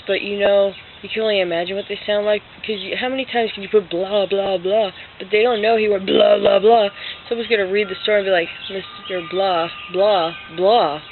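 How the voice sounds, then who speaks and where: A young woman in her twenties rambles happily through a childhood story, peppering it with "like" and quick asides. Her voice sits at an ordinary middle pitch. The sound is thin and phone-like from a built-in webcam mic, with a faint hiss underneath. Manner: chatty, rambling, many "like"s. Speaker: vlogger. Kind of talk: casual storytelling. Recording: tinny lo-fi webcam audio, faint noise.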